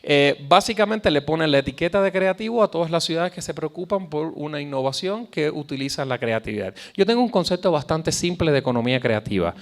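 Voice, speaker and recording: A man's voice: a little high, animated, fairly quick, few pauses. Man lecturing in Caribbean Spanish accent. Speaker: guest speaker, cultural policy researcher. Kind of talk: public lecture addressing an audience.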